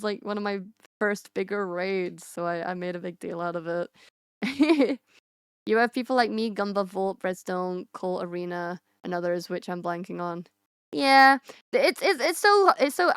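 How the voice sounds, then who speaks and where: A woman's voice: mid-range voice, fairly bright tone, smooth, no echo, clean studio sound. A woman streamer chatting casually with her viewers, rambling with lots of fillers and restarts.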